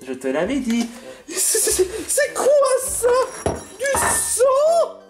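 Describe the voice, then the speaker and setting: A woman voicing a silly, excitable young male fast-food worker in an amateur cartoon dub, squeaky and eager. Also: reverberant, over loud music, heavily acted. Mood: excited.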